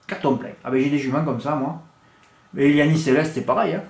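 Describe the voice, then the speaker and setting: A man's voice: quick pace, reverberant. A man giving horse racing tips in a casual monologue, joking crudely and swinging his voice up and down. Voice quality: has a noticeable accent others laugh at. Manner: animated, crude joking, big swings in pitch and loudness.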